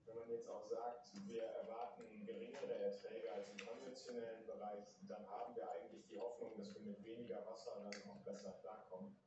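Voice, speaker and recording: A man's voice: on the low side, little pitch movement, a little fast, few pauses. Farmer guy in an interview, dull distant sound, lots of noise. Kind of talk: informal documentary interview. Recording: echoey distant dull playback, noisy.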